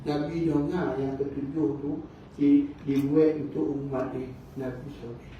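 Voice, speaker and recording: Speaking at a measured pace in a flat, somewhat high voice, a Malaysian Malay religious teacher from Negeri Sembilan gives a lecture in a mosque hall. He tells stories, voices the dialogue, and checks in with "kan?". The distant recording is echoey and dull with a little hiss or hum.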